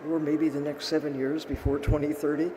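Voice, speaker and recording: A man giving a podium speech, making an emphatic appeal in short, deliberate phrases. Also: fairly high pitch, little pitch movement. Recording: clearly noisy live event recording.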